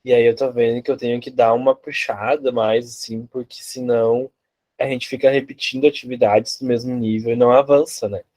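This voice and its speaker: A Brazilian man taking an online course talks casually and hesitantly on a video call, leaning heavily on fillers like "assim" and "né" in a Brazilian Portuguese accent. His mid-range voice is darkish, a little fast, and barely moves in pitch.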